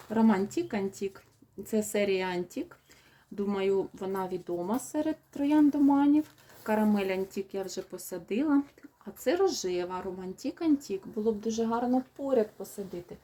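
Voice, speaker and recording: Warm-voiced chatty woman vlogger. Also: medium pitch, a little hiss or hum. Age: adult, has a young child. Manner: fond, chatty, talks to viewers. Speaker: rose gardening vlogger. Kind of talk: casual unboxing chat.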